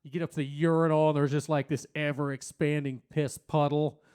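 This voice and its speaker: A man doing a stand-up comedy set on a small stage, crude and rambling, talking to the crowd and putting on loud silly voices for quotes. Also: a little high, flat delivery, fairly quick, smooth.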